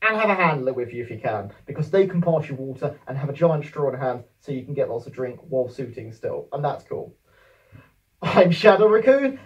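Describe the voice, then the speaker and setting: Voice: medium pitch, a little mellow, lo-fi sound. A British vlogger in a fursuit, chatting playfully and rambling from inside the costume head. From United Kingdom. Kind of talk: casual comedic vlog. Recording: distant voice with background music.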